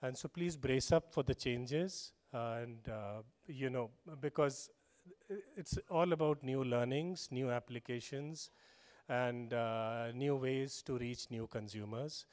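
A middle-aged man with an Indian English accent, giving a measured conference keynote at a podium mic and often saying "you know". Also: medium pitch, a little mellow. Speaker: keynote speaker. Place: large conference stage, indoors. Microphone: podium microphone.

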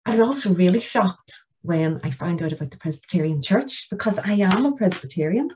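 A woman's voice: fairly low pitch, animated, brisk, dark tone, slightly rough, rough recording. A middle-aged woman with a Northern Irish accent giving an earnest, plain-spoken lecture with slides in a church. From Northern Ireland. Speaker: guest lecturer.

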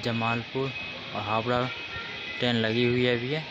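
A man in his 20s narrates a casual travel vlog from outdoor railway platforms and footbridges, explaining things to viewers and repeating himself. His medium-pitched voice is flat at a moderate pace, recorded on a phone held at arm's length. The highs are cut off, and loud music plays behind him.

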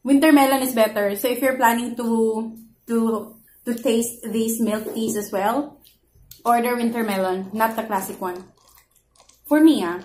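A mom chats to viewers in a somewhat high voice, coaxing her little one between bites. Her talk is easygoing and homey. The sound carries a roomy echo. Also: measured pace, darkish tone, a little hiss or hum. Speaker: family vlogger, mother. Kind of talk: casual mukbang chat to viewers.

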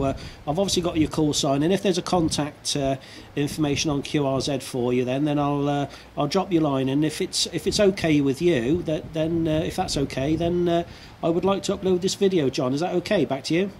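On a seaside rooftop, a fairly high-pitched British radio hobbyist with a darkish tone chats hesitantly at normal speed while making a casual radio contact and commenting for video. The camera beside him records outdoors, catching clear background noise.

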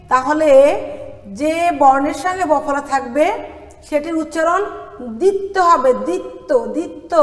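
A woman with a high voice teaches pronunciation in a classroom style from Bangladesh, slowly stressing sounds and posing questions she answers herself. Her voice rings through a roomy space with a long reverb tail. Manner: slow, emphatic, asks questions then answers them. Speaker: college Bangla lecturer.

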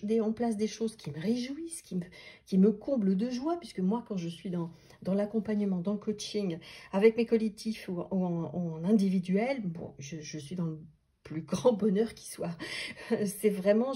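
A woman teaching a tarot method in a loose, thinking-aloud way, often restarting her sentences. Her voice is warm and mellow, with a husky, airy edge. Now and then she softens almost to a whisper. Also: medium pitch. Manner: thoughtful, restarts often, drops to near-whispers. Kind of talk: unscripted teaching talk.

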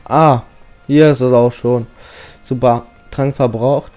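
A man's voice: medium pitch, steady tone, slow pace, darkish tone, faint music behind. A young man giving casual, slangy let's-play commentary as a channel host, often reading game text aloud.

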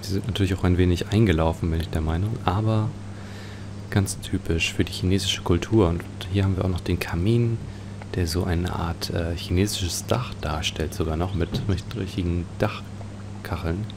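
At a moderate pace, a deep-voiced let's play host keeps a steady tone while casually narrating a video game and musing over what he sees. His home recording is clearly noisy.

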